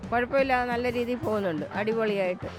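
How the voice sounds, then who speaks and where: A woman's voice: fairly high pitch, fast talker. A woman with a Kerala Malayali accent giving brief, casual interview answers as a kitchen worker. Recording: loud music and crowd noise.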